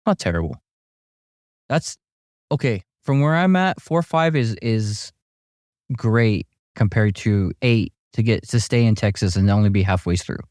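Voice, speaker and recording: Chatting casually as a guest, this middle-aged amateur golfer spins his stories at an easy conversational pace, stumbling into fillers and little restarts. His voice is low and mellow, and the recording is dry and close, with no sense of the room.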